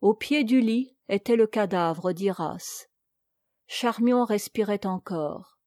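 Slow, measured woman storyteller. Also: medium pitch, dark tone, dry recording, clean studio sound. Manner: measured, formal, literary. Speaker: narrator. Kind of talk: storybook narration of history.

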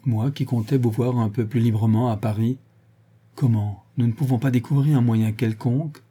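A man's voice: medium pitch, fairly even intonation, moderate pace, dark tone, slightly rough, lightly acted. A man playing a spoiled young suitor. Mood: insistent.

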